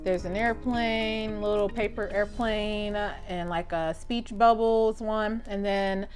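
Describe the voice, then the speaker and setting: A woman's voice: mid-range voice, steady tone, takes it slowly, faint music behind. A young woman with a Southern accent, chatting casually and rambling as a teacher vlogger. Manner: chatty, rambling, many "like"s and restarts. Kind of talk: casual vlog chat.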